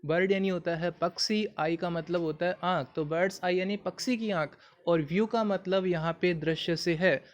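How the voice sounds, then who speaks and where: A man with a fairly high voice and a Hindi accent, teaching English idioms. He explains patiently, repeats each point, and turns to the viewer with questions. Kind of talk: explaining idioms in a video lesson.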